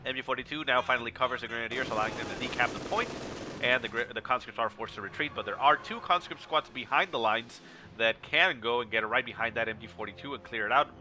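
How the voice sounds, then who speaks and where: A man's voice: medium pitch, quick pace. A man with a nasal, congested voice, sick with a stuffy nose, commentating on a strategy game match in a casual, explanatory way. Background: video game battle sounds and music.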